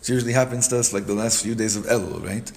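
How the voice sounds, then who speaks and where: A man teaching a study class, reading Hebrew lines quickly and then translating them and asking his students questions. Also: on the low side, fairly even intonation, darkish tone. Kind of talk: animated text study with students. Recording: reverberant room with faint background noise.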